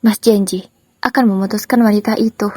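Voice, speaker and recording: A woman voicing a remorseful young husband who softly begs his wife for forgiveness in a spoken story. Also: mid-range voice, fairly even intonation, a little fast, breathy edge, dry recording, close to an everyday voice. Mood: pleading. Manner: soft pleading, apologetic. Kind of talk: storytelling with voiced dialogue.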